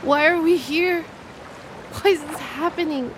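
Actress as a defensive, high-voiced young woman. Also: measured pace, noisy background. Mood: bitter, defensive. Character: defensive young woman, bitter, bewildered estranged friend. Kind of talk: audio drama acting.

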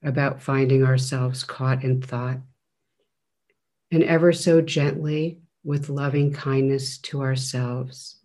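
Slow, even-toned man guiding meditation. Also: mid-range voice. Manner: gentle, measured, with long pauses between phrases. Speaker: meditation teacher. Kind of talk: guided breath meditation.

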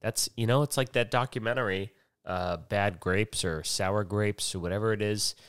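A man's voice: on the low side, moderate pace, smooth, no room sound, studio quality. A man hosting a casual solo podcast, rambling and swearing freely, wearing headphones at a podcast mic. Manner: profane, rambling, self-mocking. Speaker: podcast host.

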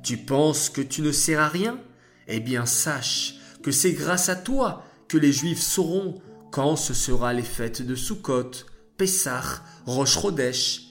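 A man voicing a kind, patient God who consoles the moon in a children's story, speaking low, slow and reassuring. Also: animated, a bit bright, faint music behind. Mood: soothing.

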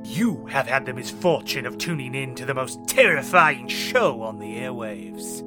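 A man playing a theatrical, mock-sinister male horror radio host who talks in a hammy, drawn-out way. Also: medium pitch, lively intonation, natural voice. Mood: gloating. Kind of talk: campy horror radio drama narration. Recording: music playing under the voice.

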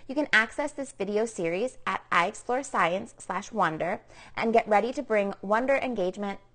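A woman co-hosting a teaching podcast, reading an upbeat, polished promo. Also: mid-range voice. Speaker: podcast co-host, science teacher. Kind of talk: scripted promo and show intro.

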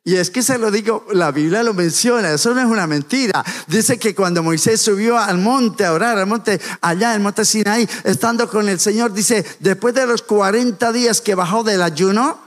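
A man's voice: high-pitched, moderate pace, hardly any pauses. A man giving a jokey, chatty sermon in a church, talking straight to the congregation. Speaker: church speaker. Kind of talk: humorous sermon. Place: church sanctuary.

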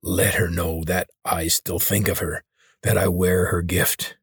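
Weary maimed mutant, gravelly rasp, half-whispered; a man plays him. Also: sits low, little pitch movement, a little slow, no echo, clean studio sound, exaggerated voice. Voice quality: hoarse, rasping. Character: maimed mutant male leader, weary, rasping.

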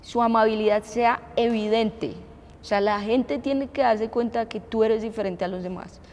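A woman in her thirties with a Colombian accent, preaching a sermon in an animated way and asking the congregation questions. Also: fairly high pitch, moderate pace, long reverb tail. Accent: Colombian Spanish. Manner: animated, asks the audience questions, acts out shouting.

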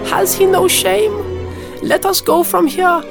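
A woman's voice: very high voice, fairly even intonation, slow pace, gravelly, music in the background, heavily acted. A woman voicing a pompous young boy who preaches at other children in a sermonizing, righteous way. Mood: indignant.

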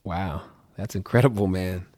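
Male podcast host, lowish voice, dry close sound, eager interviewer who restarts his questions. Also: normal speed, darkish tone, breathy edge, no echo. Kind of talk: casual interview.

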